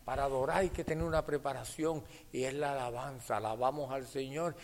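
A man preaching a sermon to his congregation, swinging between hushed near-whispers and loud fervent passages, calling his listeners brother. His voice carries the long reverb of a church hall. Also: medium pitch, steady tone, brisk, slight background noise.

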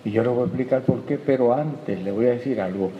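Male pastor, mid-pitched, fiery sermon delivery, roomy dull hall recording. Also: brisk, slight background noise. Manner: impassioned preaching, rising to loud peaks; addresses listeners as brother. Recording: echoey hall, dull lo-fi sound.

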